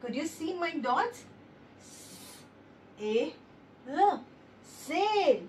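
A very high-pitched woman with big pitch swings and a slightly mellow quality gives a slow phonics lesson, sounding out letters singly and emphasizing each word. Encouraging throughout, she praises the children and calls them babies. She is far from the mic, with a little hiss or hum.

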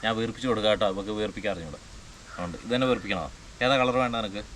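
Man, family vlog host, playful and teasing, brisk delivery, clear background noise outdoors. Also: fairly low pitch, fairly bright tone. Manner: playful, teasing, quick rule-explaining. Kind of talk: casual game explaining and chat. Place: outdoors in the sun.

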